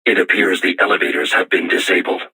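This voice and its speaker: This is scripted video game voice acting for a young but learned robot weapon, voiced by a man in a full character performance. The voice is very deep, piercingly sharp and heavily distorted by machine processing, with a breathy edge and flat delivery. Its phrasing is formal, measured and stilted, with a solemn temper.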